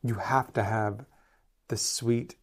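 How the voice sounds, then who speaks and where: A middle-aged man, a priest co-hosting a podcast, talking in a lively, playfully opinionated casual chat. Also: lowish voice, slow pace. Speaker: priest co-host.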